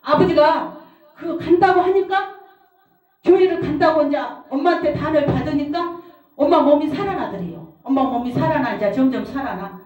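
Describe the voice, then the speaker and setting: Middle-aged woman preacher, storytelling testimony, slightly high voice, heard from a distance. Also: moderate pace, darkish tone. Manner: storytelling, repeats phrases for emphasis. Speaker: pastor's wife preaching. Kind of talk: sermon with personal testimony. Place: prayer house service hall. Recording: roomy hall, distant mic.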